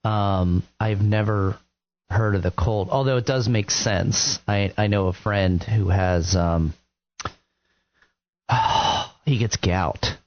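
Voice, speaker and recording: A man's voice: lowish voice, slow. A man hosting a morning radio show, chatty and joking, with frequent restarts. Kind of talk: casual radio interview. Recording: dull lo-fi radio audio.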